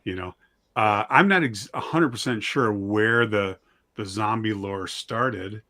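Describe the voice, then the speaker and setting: This interview guest has a lowish voice that sounds pushed and bright, and he talks a little slowly. An audio drama writer and director, he keeps things casual and plain, jokes at his own expense, and insists strongly on his beliefs.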